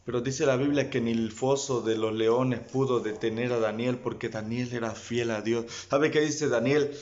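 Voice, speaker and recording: A man's voice: mid-range voice, steady tone, normal speed, darkish tone. A man preaching a sermon, speaking straight to his listeners and rising in fervor. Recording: dull lo-fi sound.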